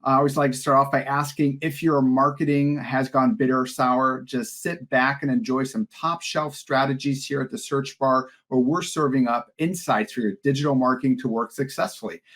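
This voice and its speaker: A man's voice: mid-range voice, steady tone, moderate pace, hardly any pauses, fairly bright tone. Upbeat male podcast host. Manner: upbeat, friendly host patter. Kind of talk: scripted podcast intro and interviewing.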